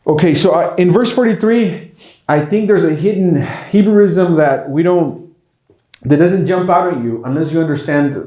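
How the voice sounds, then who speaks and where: A man's voice: fairly high pitch, dark tone, roomy sound. A man teaching a congregation, explaining Hebrew words step by step and often asking his listeners whether they follow. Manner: explanatory, checks understanding with frequent rhetorical questions. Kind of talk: bilingual Bible teaching.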